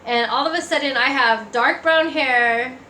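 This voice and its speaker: With a high voice, a sharp tone and a measured pace, a woman recounts her personal testimony conversationally, performing the remarks she recalls. The recording comes from an echoey room with a little background noise.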